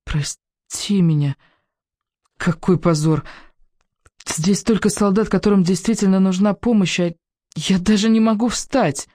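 A woman's voice: medium pitch, unhurried, pauses often, mellow, voice pushed up, lightly acted. A woman voicing a young female nurse who has fainted and speaks weakly and apologetically. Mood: weak, apologetic.

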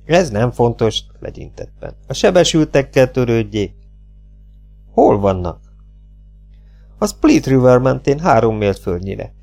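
A man voicing a calm, unbothered young Mexican male outlaw in an audiobook, with a gravelly voice. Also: mid-range voice, pauses often, soft background music. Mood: calm, flat.

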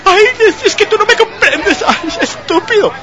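A woman doing shrill jealous Julieta. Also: animated, normal speed, bright, forceful tone, a faint crowd, full character voice. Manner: accusing, whiny, shrieking outbursts. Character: jealous, hysterical young girlfriend.

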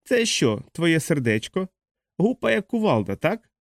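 A man's voice: a little high, sing-song, unhurried, gravelly, no room sound, clean studio sound, voice pushed up, heavily acted. A man doing a cold, mocking undead uncle. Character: cold, gruff bearded undead uncle, grim.

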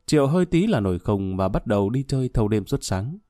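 A man narrating a social drama story aloud in an even storytelling manner. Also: lowish voice, fast talker, no echo, studio quality. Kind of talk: scripted audiobook narration.

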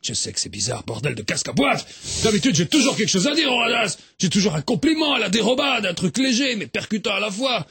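A man telling a crude story in a deadpan, confessional way on a morning radio comedy show. His voice is gravelly and husky and his pitch moves a lot. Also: fast talker, no room sound, studio quality.

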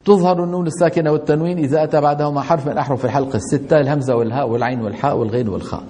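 A man's voice: on the high side, fairly even intonation, racing, warm tone. A middle-aged man teaching a tajweed lesson, often putting questions to his students and answering them himself. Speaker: Quran recitation teacher.

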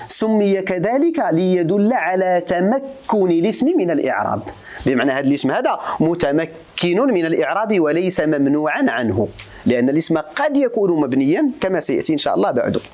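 Moroccan male religious teacher, fast and animated, quizzing pupils in a grammar lesson. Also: high-pitched. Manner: quizzes students, mixing formal Arabic with colloquial asides.

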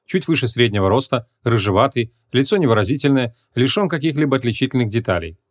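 A man narrating an audiobook in an even, measured reading voice. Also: medium pitch, dry recording, studio quality.

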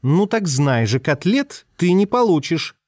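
A fussing, short-tempered mother, as a man puts her on, her voice raised above his own and lively in pitch. She coos and scolds by turns in a storybook reading, recorded dry. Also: unhurried, no echo. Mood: doting, scolding. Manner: doting, then scolding.

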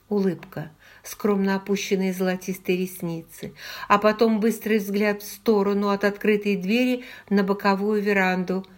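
A woman narrating a novel as an audiobook in an even storytelling delivery. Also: mid-range voice. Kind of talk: scripted narration.

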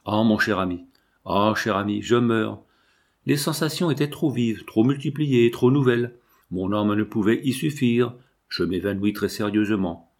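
Homme lisant un roman libertin, expressif. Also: male voice, mid-range voice, a little mellow. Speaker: audiobook reader. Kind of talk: dramatic literary reading.

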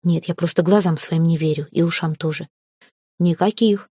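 A woman narrating a first-person audiobook in a lively storytelling manner. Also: sits low, brisk, slightly rough, dry recording, studio quality.

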